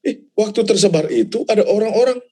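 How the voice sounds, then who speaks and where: A male pastor tells a personal story in an easygoing, conversational way, his voice sitting a little high. His pitch swings widely as he talks, rising and dropping with each turn. He often doubles or triples words to press a point home. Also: moderate pace. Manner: animated storytelling, mixes laughter into the telling; repeats words for emphasis. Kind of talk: casual testimony in a church talk.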